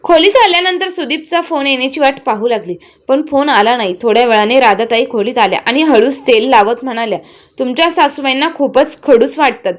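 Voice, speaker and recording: High-voiced woman narrating a family drama story. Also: a little fast, hardly any pauses.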